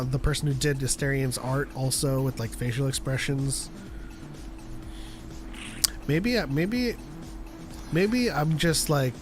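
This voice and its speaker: A man co-hosting a casual live call-in show, chatting loosely with frequent restarts and easy laughter. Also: medium pitch. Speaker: podcast co-host. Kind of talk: casual live-stream chat.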